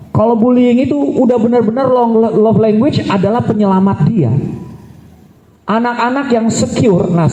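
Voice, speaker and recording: A man's voice: high-pitched, mellow, reverberant, poor audio. A middle-aged man giving a parenting seminar, slipping English phrases into his talk and acting out what he says to his children. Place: school hall.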